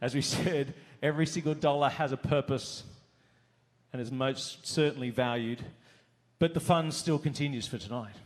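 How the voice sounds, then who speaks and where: A man with an Australian accent working as an auctioneer at a gala, calling bids in a booming, rhythmic, playful way into a handheld mic in a hotel ballroom. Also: moderate pace. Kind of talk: live charity auction calling.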